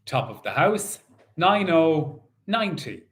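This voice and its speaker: A man working as a bingo caller, calling out numbers in set phrases and repeating each in a measured, sing-song way. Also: fairly high pitch, sing-song, a bit bright.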